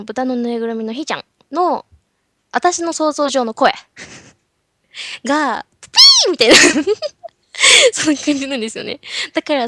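A woman's voice: high-pitched, fairly bright tone, dry recording. A woman, a voice actress, hosting a casual solo cast talk, playful and chatty with frequent giggles.

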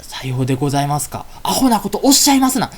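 Lady doing a super polite servant woman, stiff and formal, a bit low. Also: sing-song, rapid-fire. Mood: soothing. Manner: deferential, very formal.

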